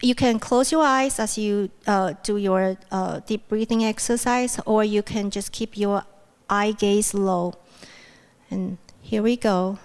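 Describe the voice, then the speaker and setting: A native Mandarin speaker with a clear, resonant, medium-pitched voice leads a guided mindfulness grounding exercise at a plenary, speaking into a podium mic. She is gentle and unhurried, with frequent fillers and restarts. A loud air-conditioning fan runs in the university event room.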